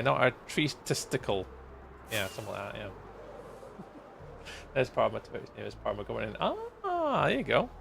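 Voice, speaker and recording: This gaming livestreamer is a Scotsman in his forties, talking loosely and cheerfully to his audience as he plays, full of ums and little laughs. His voice sits at medium pitch, creaky yet fairly bright.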